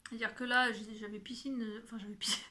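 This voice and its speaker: A woman with a fairly high, flat-pitched voice talks fast and sounds sharp. She hosts a knitting video podcast, chatting casually to camera, often correcting herself as she shows off her knitting and yarn.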